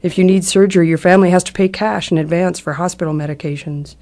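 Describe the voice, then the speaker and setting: A middle-aged woman reads a scripted personal account in a measured, reflective public radio manner. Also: on the low side, fairly even intonation, darkish tone. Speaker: essayist reading a personal travel account.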